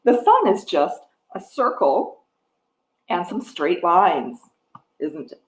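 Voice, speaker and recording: A woman in her forties reading a picture book aloud to toddlers in a sing-song way, pausing to ask them simple questions. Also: fairly low pitch, wildly swooping pitch. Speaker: children's storytime host. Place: wood-floored living room with a piano, indoors. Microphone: webcam or device mic at about arm's length. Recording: echoey room, device microphone.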